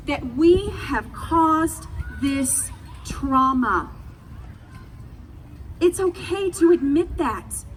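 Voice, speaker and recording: High-voiced woman speaking at a noisy rally. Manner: earnest, emphatic, deliberate phrasing with repetition. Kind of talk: impassioned public speech, partly off the cuff. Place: public rally, speaking to a gathered crowd. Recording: distant mic, noisy outdoor rally sound.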